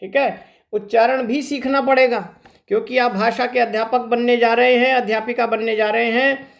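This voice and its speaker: A man's voice: extremely high pitch, steady tone, normal speed, vocal fry. A male teacher giving an exam-prep grammar lesson, explaining step by step and asking rhetorical questions. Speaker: Hindi teacher.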